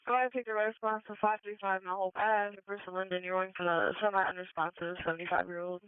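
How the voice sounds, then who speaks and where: Female emergency dispatcher, very crisp and procedural, heard through a narrow, dry radio scanner channel. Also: medium pitch, fairly even intonation, fast talker, no echo. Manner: procedural, reading out addresses and calls. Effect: two-way radio transmission.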